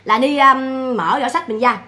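A woman talks casually to her online audience. Her voice is bright and sharp, a little high, and she scolds with animated, repeated exclamations. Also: unhurried. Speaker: vlogger. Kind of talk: casual livestream chat.

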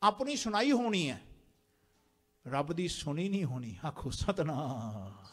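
A man's voice: high voice, sing-song, unhurried, a bit bright. A man preaching a sermon in a large temple prayer hall, exhorting the congregation and having them repeat lines after him. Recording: long hall reverb.

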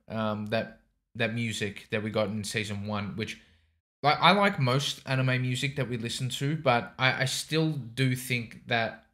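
Young aussie guy rambling through casual commentary, bright punchy voice, close desk mic. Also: medium pitch. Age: young adult. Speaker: reaction video host. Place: small indoor home studio. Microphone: microphone on a desk boom arm.

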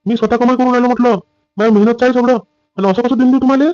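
A man playing an older farmer father in a family drama skit, proud and stern, with a gruff, indignant manner. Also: extremely high pitch, fairly even intonation, very fast, a little mellow, dry recording, lo-fi sound.

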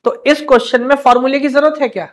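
A young man teaches a live class, firing quick quiz questions at students and playfully scolding them to keep them motivated. His voice is extremely high and steady in tone.

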